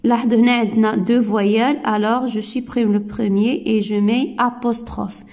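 A woman teacher with a Moroccan accent giving a grammar lesson, slowly and deliberately, repeating key words and mixing French with Moroccan Arabic. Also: on the high side, level tone, darkish tone. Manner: switches between French and Moroccan Arabic while explaining. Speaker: primary school teacher.

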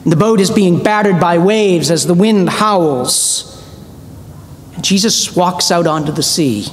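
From the pulpit, a middle-aged male priest delivers a sermon that is earnest and measured, leaning on important words with slow emphasis. The church is reverberant, and a faint rumble can be heard.

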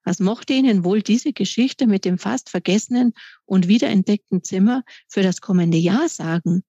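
A woman author reading aloud from her children's book in calm, measured storytelling. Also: mid-range voice, no room sound. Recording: dry, slightly dull recording.

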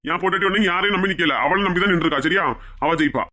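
A woman's voice: lowish voice, pushed and bright, voice pushed down. A woman playing a bickering middle-aged village husband with a Kanyakumari accent, teasing and scolding his wife. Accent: Kanyakumari Tamil. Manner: teasing, scolding, rapid-fire.

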